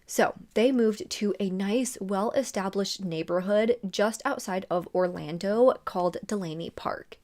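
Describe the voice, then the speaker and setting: A woman's voice: medium pitch, unhurried, few pauses, a little mellow. A woman hosts her own true crime channel and walks through a murder case. She talks casually and conversationally, stopping for chatty asides. Her voice sits in a middle register.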